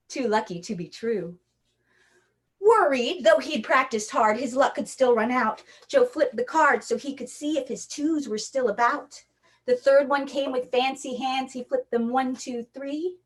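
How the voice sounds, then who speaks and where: Speaking straight to the camera mic for an online audience, a woman magician from Hawaii uses her bright, high voice for playful, jokey stage patter. Her magic show is built around a rhyming story.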